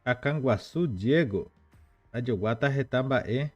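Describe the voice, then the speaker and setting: A man teaching a live online language lesson, explaining patiently and repeating words slowly, with chatty asides to viewers. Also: mid-range voice, expressive, no echo, lo-fi sound, soft background music.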